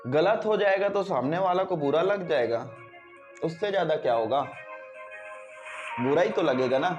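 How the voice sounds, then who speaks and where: A man's voice: on the high side, lo-fi sound. A man teaching spoken English in a chatty lesson, who keeps asking his listeners whether they follow. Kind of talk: informal video lesson. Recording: echoey room with music behind.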